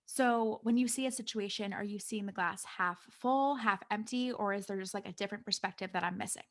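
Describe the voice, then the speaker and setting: A woman's voice: medium pitch, a little fast. A woman podcast host asking questions in a casual, conversational interviewing style.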